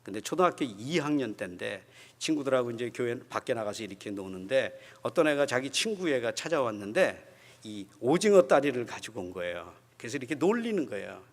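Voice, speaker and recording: A man preaching a sermon as pastor, moving between quiet storytelling and loud, fervent exhortation. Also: mid-range voice, sing-song, fairly quick. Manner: swings from quiet talk to loud, shouting exhortation. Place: church sanctuary. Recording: long church hall reverb.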